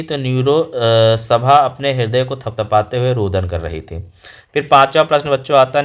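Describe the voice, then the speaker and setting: A man teaching a board-exam lesson step by step, addressing students directly. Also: mid-range voice.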